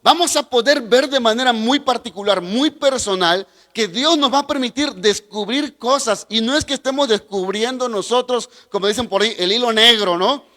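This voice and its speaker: High-voiced man teaching a Bible class. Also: normal speed, hardly any pauses, pushed and bright, in a large hall. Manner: talks directly to viewers, with asides and personal stories.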